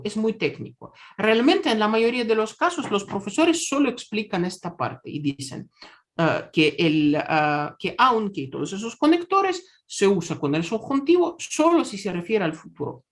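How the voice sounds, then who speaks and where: A woman teaching an advanced grammar webinar, explaining patiently step by step. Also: medium pitch. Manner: explains step by step, stressing pronunciation. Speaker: Spanish teacher. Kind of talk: webinar lecture.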